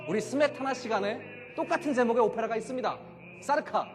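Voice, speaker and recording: A middle-aged man giving a joking, animated lecture on classical music to a live audience, full of rhetorical questions. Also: very high voice, quick pace, in a large hall.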